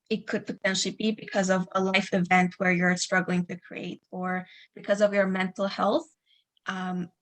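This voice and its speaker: Young woman, podcast host, mid-pitched, chatty, uses lots of fillers. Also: a bit bright. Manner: hesitant, filler-heavy, earnest. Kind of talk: casual podcast chat.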